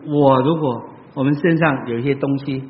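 A man preaches in a church hall, telling stories to the congregation. His voice swings from loud exclamations to soft, low asides. The sound is muffled and lo-fi, with a long reverb trailing after each phrase. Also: normal speed. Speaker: pastor. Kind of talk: sermon.

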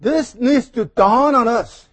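High-voiced man preaching at a pulpit microphone. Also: fairly bright tone, no echo. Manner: measured, pausing after each phrase. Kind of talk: sermon delivered in short phrases for an interpreter.

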